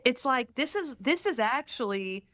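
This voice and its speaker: A pregnant woman from Texas joins a casual, faith-centered podcast conversation as a guest. Her high-pitched voice comes in quick, animated bursts as she tells stories with dramatic asides.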